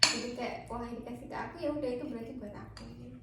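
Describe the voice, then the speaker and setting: A woman's voice: a little high, steady tone, rapid-fire. A woman from Indonesia chatting casually over a meal as the host of a vlog. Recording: very echoey room, distant mic, clear noise.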